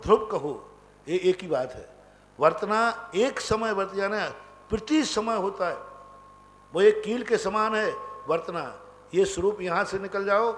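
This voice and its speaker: A man, a Jain monk from India, teaching a scripture class, explaining step by step with rhetorical questions and chanting sutra lines slowly. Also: sits high, fairly bright tone, big-room sound.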